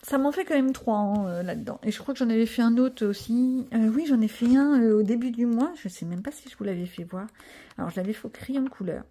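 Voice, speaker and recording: A woman's voice: on the high side, a little fast, hardly any pauses, warm tone. A middle-aged woman, chatting casually and rambling with self-mocking asides in a home vlog. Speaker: vlogger. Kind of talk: casual chat while coloring.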